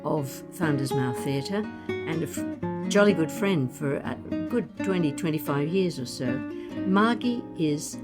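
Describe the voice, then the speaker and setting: Loud music plays under her voice, which sits low and sounds animated yet unhurried. She is a podcast host in her seventies with an Australian accent, chatting through an interview with frequent laughter and meandering asides.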